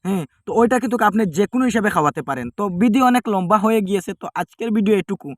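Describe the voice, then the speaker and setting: Step by step, a man demonstrates a home ritual out loud, stopping and going back over every instruction. His fairly high voice has lively intonation, and with no microphone beyond the device's built-in one, the audio is close and dry with hardly any room echo.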